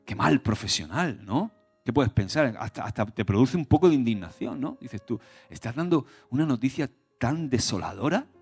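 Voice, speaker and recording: A man's voice: medium pitch, a little mellow. A male pastor from preaching a sermon in a conversational way, with many restarts and rhetorical questions to the congregation.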